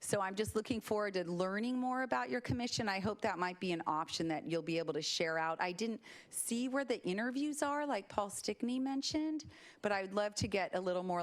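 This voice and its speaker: A woman's voice: medium pitch, brisk. A woman making a public comment at a civic meeting, addressing the members directly.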